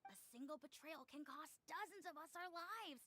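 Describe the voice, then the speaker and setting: A woman's voice: high voice, moderate pace, bright, forceful tone, no echo. A woman voicing a scheming young boy in a game, reporting on others in a cool, tattling, matter-of-fact way.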